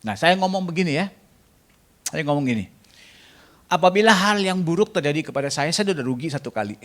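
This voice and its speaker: A man with a fairly high, lively voice preaches a sermon at a brisk pace, keeping it jokey. He banters with the congregation, slips in English phrases and asks people to raise their hands.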